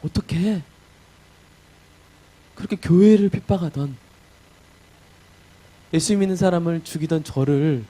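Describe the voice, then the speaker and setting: A man voicing a humbled male apostle praying in prison, speaking softly and slowly with gratitude. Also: fairly high pitch. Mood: humbled, grateful. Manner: soft, slow, hushed prayer.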